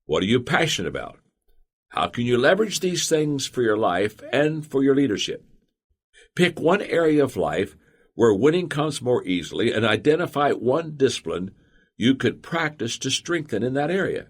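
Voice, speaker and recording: A man reading a motivational audiobook in the first person, earnest and measured. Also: medium pitch, very animated. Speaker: audiobook narrator. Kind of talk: scripted audiobook narration.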